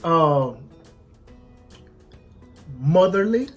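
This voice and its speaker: A woman's voice: lowish voice, animated, very slow, soft background music. A woman chatting casually as a vlog co-host, folksy and repeating phrases for emphasis. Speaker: co-host of a couple's mukbang vlog. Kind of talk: casual chat.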